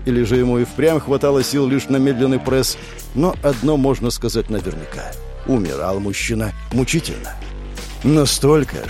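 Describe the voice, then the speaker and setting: Man reading fantasy, lively expressive voice. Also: mid-range voice. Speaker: audiobook narrator. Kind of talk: dramatic fantasy narration.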